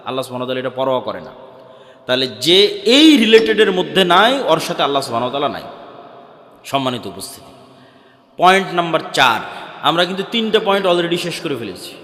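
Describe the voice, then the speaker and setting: Bangladeshi guy preaching, bright ringing voice, big echoey hall, asks and answers himself. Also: a little high. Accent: Bangladeshi Bengali. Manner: rhetorical questions answered by himself. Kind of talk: sermon.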